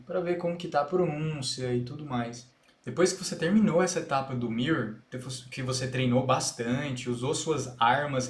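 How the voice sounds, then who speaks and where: A man with a Brazilian Portuguese accent, an English teacher explaining a learning method step by step in an online lesson. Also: a little high. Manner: patient, step-by-step explaining, repeats English lines to demonstrate. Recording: echoey room sound.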